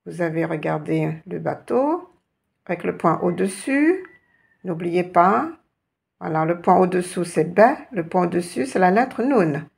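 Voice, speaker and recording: A woman leads a patient reading lesson at an unhurried pace, sounding out each letter again and again. Her voice is low and husky, with a gravelly edge. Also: lively intonation, a little mellow. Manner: patient, repeats sounds and asks the viewer questions. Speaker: Arabic teacher. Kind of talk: slow word-by-word reading lesson.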